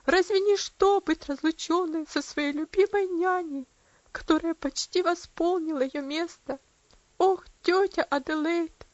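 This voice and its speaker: A woman's voice: very high-pitched, a little slow, dry recording, muffled recording, pitched above the performer's own voice. A woman reader voicing a devout, loving young girl who cries and pleads in a trembling voice. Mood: anguished pleading. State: crying.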